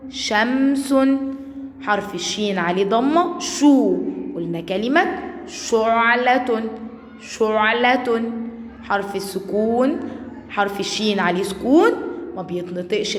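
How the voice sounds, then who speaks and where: An Egyptian woman teaching a first-grade phonics lesson, drawing out sounded words slowly and loudly and praising the class. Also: mid-range voice, roomy sound, big-room sound, slight background noise. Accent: Egyptian Arabic. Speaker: primary school teacher.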